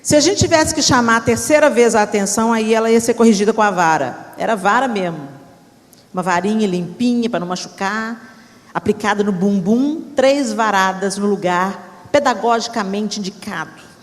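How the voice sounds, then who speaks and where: A woman's voice: medium pitch, normal speed. Dramatic woman preaching. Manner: lively, dramatic, acts out voices. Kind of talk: sermon storytelling. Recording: echoey hall reverb.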